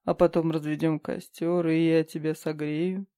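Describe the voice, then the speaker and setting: A woman's voice: deep voice, level tone, normal speed, mellow, no room sound, studio quality, close to an everyday voice. A woman reading a coaxing young husband.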